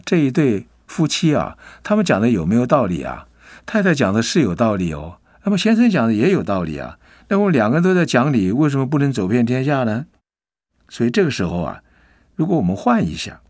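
Lively folksy man telling stories. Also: mid-range voice, husky, no echo, studio quality. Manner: folksy, chatty, asks listeners questions. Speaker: radio storyteller. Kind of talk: moral storytelling for radio.

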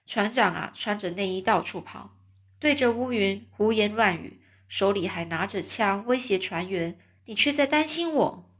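A woman doing a gruff, bossy male sailor. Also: mid-range voice, lively intonation, normal speed, close to an everyday voice. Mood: gruff, scolding. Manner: scolding, blunt.

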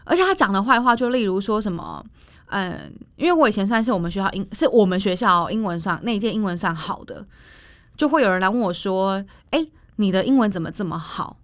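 A woman's voice: mid-range voice, fast, no echo. A young woman co-hosting a podcast, chatting casually and telling stories with indignant asides. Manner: lively storyteller, indignant asides. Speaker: podcast co-host. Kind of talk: casual chat, storytelling.

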